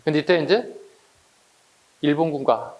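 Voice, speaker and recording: A male history lecturer talks his students through exam material in a chatty, conversational way. He keeps asking them rhetorical questions and checking that they follow. His voice sits a little higher than most men's. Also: measured pace.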